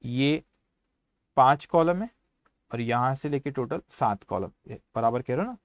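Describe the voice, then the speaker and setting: A man's voice: medium pitch, expressive, measured pace, dry recording, studio quality. A man with an Indian English accent giving an online accounting class, calling his students 'beta' and mixing Hindi with English terms. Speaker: accounting teacher.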